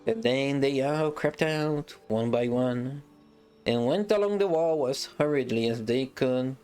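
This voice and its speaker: Streamer reading a fantasy book out loud, jokey little asides, faint music going underneath. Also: medium pitch. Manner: casual, joking asides between passages.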